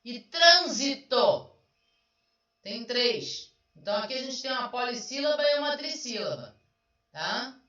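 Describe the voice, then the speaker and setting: A Portuguese teacher leads an online exam review, working through the answers step by step in a chatty, questioning way. Her voice is bright, keen and a little high, but the recording is dull and distant, made in a very echoey room.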